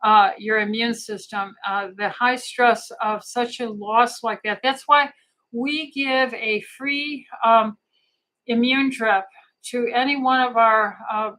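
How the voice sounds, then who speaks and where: A woman's voice: fairly high pitch, steady tone, slow pace, bright, forceful tone, low-quality recording. A middle-aged woman physician answering viewer questions on a live stream, talking in a casual, hesitant way with many fillers, restarts and heartfelt asides.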